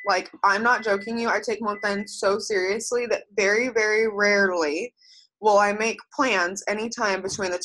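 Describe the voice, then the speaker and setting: A woman's voice: mid-range voice, fairly bright tone, rough recording. A young woman giving a casual, emphatic motivational coaching talk to her sales team on a video call, often saying "like". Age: young adult. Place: seated by a house door on a video call.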